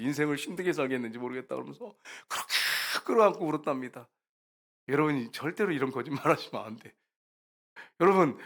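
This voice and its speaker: A middle-aged male pastor preaching a sermon, telling a story and acting out the voices in it, building to emphatic peaks. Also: a little high.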